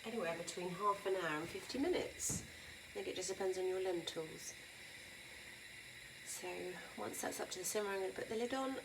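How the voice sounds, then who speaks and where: A woman's voice: medium pitch, a little fast. A woman chatting to camera as she cooks at home, casual and self-deprecating. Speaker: home cook vlogger. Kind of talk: casual cooking demonstration. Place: home kitchen. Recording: distant camera mic, loud kitchen noise. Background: frying, sizzling and stirring noises.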